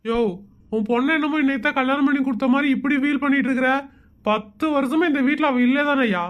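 A man's voice: extremely high pitch, fairly even intonation, quick pace, a bit bright. A man who grumbles sarcastically through comic asides in a sketch. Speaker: comedy sketch performer.

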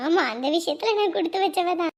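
A woman's voice: very high voice, fast. A woman playing a chatty, sensible neighbour in a comedy sketch, gossiping and teasing.

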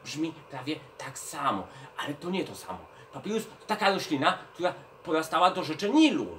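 A man's voice: on the high side, very animated, a little fast, fairly bright tone, distant mic, slight background noise. A man working as a children's librarian, patiently explaining things to children and often checking in with them. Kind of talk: children's educational talk.

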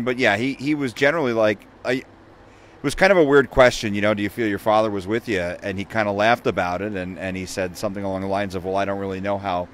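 A man in his thirties, a sports radio reporter, speaking earnestly and reflectively in a casual post-game chat rinkside in an empty arena. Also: on the low side. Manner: reflective, earnest, many repeats.

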